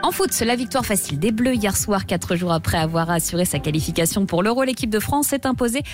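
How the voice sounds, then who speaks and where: A woman's voice: medium pitch, lively intonation, brisk. A woman presenting a scripted radio news bulletin in a breaking news delivery. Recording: loud music bed under voice. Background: music.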